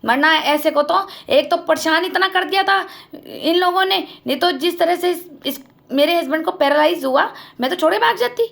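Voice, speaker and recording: A woman's voice: very high voice, normal speed, vocal fry, fairly bright tone. A young woman vlogger giving an impassioned personal account, speaking accusingly and directly to family members. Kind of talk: emotional personal account to camera.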